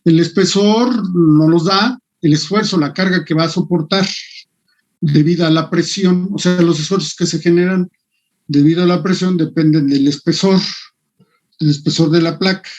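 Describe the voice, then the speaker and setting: Man, lecturing online, thinks aloud, mutters to himself, slightly high voice, dull lo-fi sound. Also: fairly even intonation, normal speed, darkish tone. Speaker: engineering lecturer. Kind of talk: online class lecture with screen sharing.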